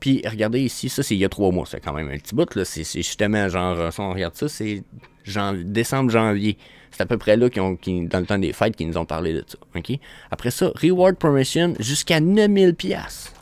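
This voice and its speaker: A man's voice: on the low side, expressive, brisk, a little mellow, dry recording. A man with a Québécois French accent hosting a show, rambling through casual commentary with frequent stumbles and restarts. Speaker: show host. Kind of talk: casual screen-share commentary.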